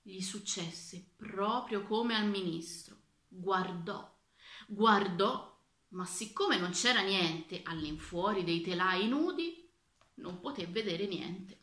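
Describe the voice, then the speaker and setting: A woman reads a children's storybook aloud with lively, expressive storytelling. Her voice is bright and clear, at a middle pitch. The recording carries a noticeable room echo. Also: takes it slowly. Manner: expressive, varied read-aloud delivery.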